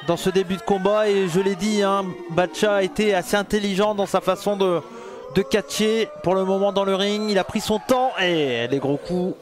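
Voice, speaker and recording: A man's voice: high voice, normal speed. A man doing live wrestling commentary, exclaiming and repeating words for emphasis. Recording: music and crowd noise behind. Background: music and wrestling crowd.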